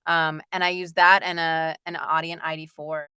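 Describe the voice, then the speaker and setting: A woman's voice: low-pitched, little pitch movement, normal speed, bright, forceful tone, smooth, dry recording. A woman, a voice actor chatting casually in an interview, rambling with many fillers and laughs. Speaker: voice actor guest.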